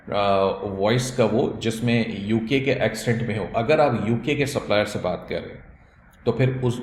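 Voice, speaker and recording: A man's voice: medium pitch, roomy sound, slight background noise. A man with a Pakistani accent, an ecommerce trainer giving an instructional talk, mixing English phrases into his explanations and acting out example pronunciations.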